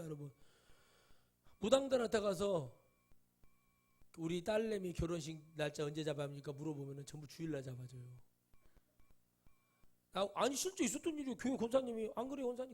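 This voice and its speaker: A middle-aged male pastor preaching a sermon, animated and full of rhetorical questions, acting out quotes from others. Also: high voice.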